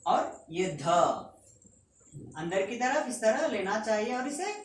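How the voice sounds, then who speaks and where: A woman teaching a school lesson, patiently reciting letters one by one and explaining them slowly. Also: a little high, expressive. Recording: echoey room, distant mic, faint noise.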